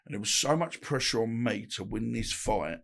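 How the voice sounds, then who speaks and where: A middle-aged man, a guest telling stories from his boxing days in a halting, rambling way, full of restarts. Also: fairly low pitch, expressive, gravelly, fairly bright tone. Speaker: guest, ex-boxer. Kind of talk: casual interview chat.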